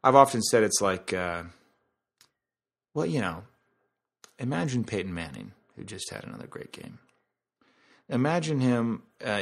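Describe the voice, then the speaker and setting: Speaking with vocal fry in a lowish voice, a man hosts a podcast as a relaxed monologue. He leans on analogies and side remarks to get his points across.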